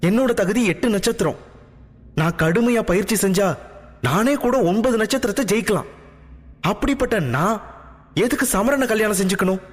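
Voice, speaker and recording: A man voicing a proud, quick-tempered young princess who talks high, fast and indignant. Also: in a large hall, lightly acted. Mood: scornful.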